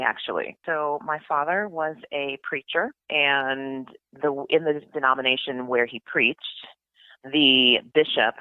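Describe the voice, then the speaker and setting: A middle-aged woman from California, speaking in a bass voice, chats as an interview guest with frequent ums and restarts. The casual interview comes through a dry, tinny phone line with no echo.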